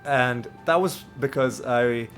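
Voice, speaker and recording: Getting over a cold, a man with a slightly nasal, mid-range voice hosts a let's play, rambling through casual explanations of the game and correcting himself as he goes. He speaks slowly with a slightly bright tone. Faint music sits in the background.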